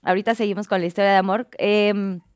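A woman's voice: medium pitch, steady tone, quick pace, clear, resonant tone, no echo. A woman hosting a casual interview show, chatty and playful, asking her guests many questions. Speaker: podcast host.

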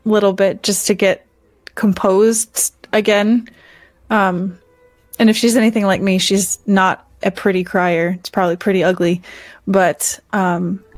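Unhurried casual woman player. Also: mid-range voice, no echo. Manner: casual, chatty. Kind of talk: tabletop game play.

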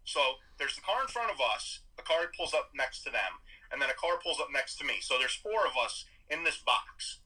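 A man telling a story in casual chat, animated and swearing freely. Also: on the high side, moderate pace, few pauses, breathy edge, rough recording.

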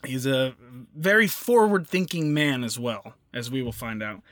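A man co-hosting a podcast, telling a history story in a casual, animated way with quick asides and easy laughs. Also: mid-range voice, no room sound, studio quality.

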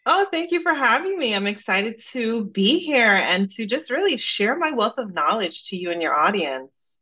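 A woman's voice: on the high side, very animated, normal speed, breathy edge, highs cut off. A woman with a slight Jamaican accent over an American one, speaking as a dietitian guest in a casual interview and telling her story with frequent "you know"s. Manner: warm, storytelling, uses fillers like "you know".

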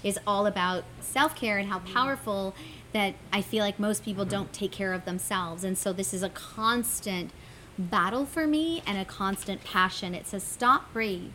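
Female podcast host, bright tone, effusive spiritual-coach delivery. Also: medium pitch, normal speed, slight background noise. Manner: warm-hearted, effusive, spiritual coaching talk. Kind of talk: casual live podcast chat. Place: winery event space with live audience.

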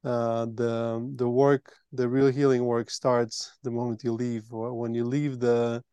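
A man's voice: mid-range voice, little pitch movement, unhurried, dark tone, clean tone, dry recording. A man hosting a retreat, explaining earnestly in a conversational interview. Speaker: retreat host.

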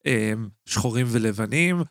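A man's voice: lowish voice, lively intonation, fairly bright tone, clear, resonant tone, no room sound, clean studio sound. A man with an Israeli accent giving an informal explanatory lesson as a singing teacher and podcast host, often checking in with his listeners.

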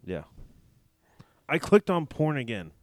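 A man hosting a laid-back podcast, swearing often and mocking himself as he rambles on. His voice moves up and down a lot, sitting fairly low overall. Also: huge pitch swings, slow pace, no echo. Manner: profane, rambling, self-mocking. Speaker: podcast host. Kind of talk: casual podcast banter.

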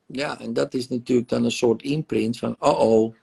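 Gravelly-voiced man gently guiding a session. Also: medium pitch, fairly even intonation. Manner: soothing, coaxing guidance with drawn-out sighs and exclamations. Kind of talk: guided emotional regression session.

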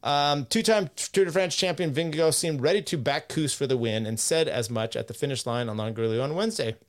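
A man's voice: fairly high pitch, a little fast. A man hosting a podcast in casual chat, rambling, swearing and laughing as he reads out news quotes. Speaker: podcast host.

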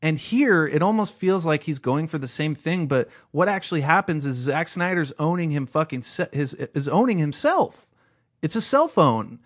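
A man's voice: on the high side, animated, moderate pace. A man co-hosting a podcast, ranting heatedly in casual chat with lots of swearing. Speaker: podcast co-host.

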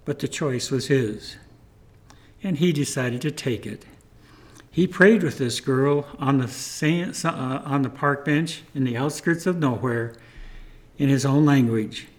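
A man retelling a testimony in an earnest, measured way, like a preacher. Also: medium pitch.

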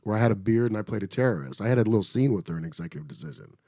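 Low-voiced man telling a lively story. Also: racing, dry recording, clean studio sound. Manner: animated, acts out quoted voices, swears freely. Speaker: actor telling a show-business story. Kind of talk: casual storytelling chat.

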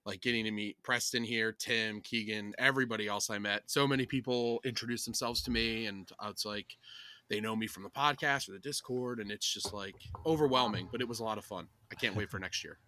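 A man's voice: lowish voice, brisk, pushed and bright, a little hiss or hum. A man on a podcast chatting enthusiastically about a weekend event. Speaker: podcast co-host. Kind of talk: casual chat.

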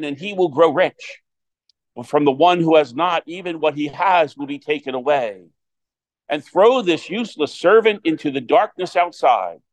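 Measured male priest preaching, slightly high voice. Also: poor audio. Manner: measured, deliberate, with dramatic pauses. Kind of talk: scripture reading and sermon.

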